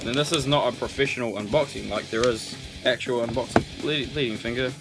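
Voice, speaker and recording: A young man filming a casual unboxing vlog, excitable and swearing a lot, with loud bursts of delight. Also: mid-range voice, fairly quick. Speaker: vlogger. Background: music.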